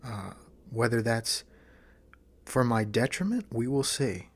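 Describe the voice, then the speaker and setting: A man hosting a casual solo podcast, playful and mock-sultry, talking close into the microphone right in the listener's ear and often dropping to a breathy whisper. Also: medium pitch, very animated, takes it slowly. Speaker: podcast host. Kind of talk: casual chat podcast monologue.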